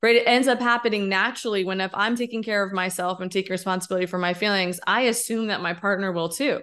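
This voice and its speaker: A woman in her thirties co-hosting a podcast, talking in an emphatic, expressive, candid way and often tossing in a rhetorical "right?". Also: medium pitch, fast talker. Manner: candid, occasionally swearing. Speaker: podcast co-host. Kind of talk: casual podcast conversation.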